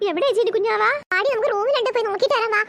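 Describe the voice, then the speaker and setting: A woman voicing young sisters and their mother in an animated cartoon, switching between quick shouty bickering and soft cooing over babies. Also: very high voice, vocal fry, exaggerated voice. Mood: excited. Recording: noisy home recording.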